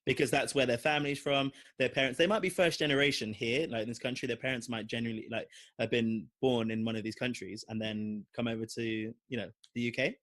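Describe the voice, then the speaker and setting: A podcast co-host, this young London man talks fast with few pauses in a mid-range voice and London accent. His long personal story is rambling and lively, stuffed with fillers, in a casual storytelling exchange.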